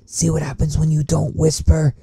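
A man's voice: on the high side, moderate pace, creaky, breathy edge, no echo. A man giving joking, profanity-laced commentary while playing a shooter game. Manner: profane, excitable, joking to himself. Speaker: gamer. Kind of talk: live gameplay commentary.

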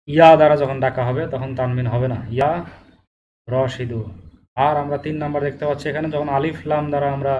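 A man with a Bangladeshi Bengali accent, teaching an Arabic lesson, patiently repeating each example slowly. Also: fairly high pitch, darkish tone, a little hiss or hum, poor audio. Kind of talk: step-by-step language lesson.

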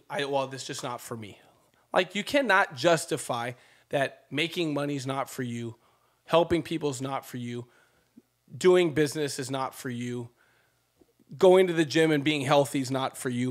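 Animated man giving pep talk. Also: medium pitch. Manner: animated and preachy, gestures a lot. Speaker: podcast co-host. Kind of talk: casual podcast chat. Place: home studio, indoors. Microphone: desk mic on a stand.

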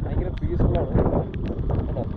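A man with a Malayali accent chats casually to viewers as a solo travel vlogger, mixing English words into his Malayalam. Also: normal speed. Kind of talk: casual outdoor vlog chat to viewers. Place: outdoors on a rainy, misty hill roadside. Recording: muffled outdoor audio, clear rain and road noise.

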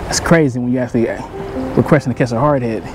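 A middle-aged man vlogs about fishing from an outdoor pier, talking to his viewers in a laid-back, slangy way. His mid-range voice moves fast with fairly even intonation, and music plays in the background.

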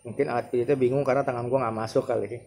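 A man in his thirties with a Jakarta Indonesian accent tests a massage chair in his living room, thinking aloud in an informal, hesitant demo. His mid-range, darkish voice moves little in pitch and comes very fast, with clear background noise and room ambience.

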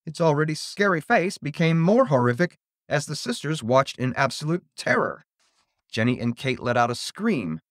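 A man reading a spooky children's story aloud, in an expressive, theatrical way. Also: fairly high pitch, moderate pace, dry recording, clean studio sound.

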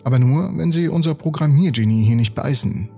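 A man voicing a gruff, sarcastic woman colleague with a blunt, mocking delivery. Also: on the high side, brisk, dark tone, soft background music, voice pushed up.

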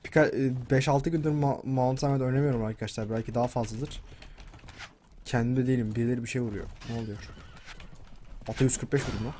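Man, from Turkey, sick and congested, mid-pitched voice, casual gameplay commentary, chatty with viewers, keyboard typing behind. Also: fairly even intonation, fast talker, mellow, slight background noise. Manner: chatty, talks to the viewers and to enemies on screen.

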